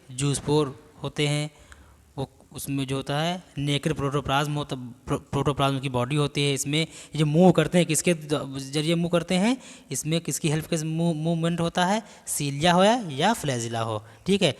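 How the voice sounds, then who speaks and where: A male biology teacher giving an exam-prep lecture. He dictates notes slowly, then explains them and quizzes the class with repeated questions. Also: on the high side, in a large hall.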